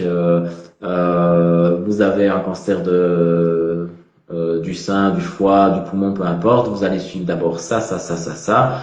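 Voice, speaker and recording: A man with a low, slightly mellow voice and a Belgian French accent is a guest on a casual live video interview. He hesitates often and uses many fillers, and the audio is echoey and dull.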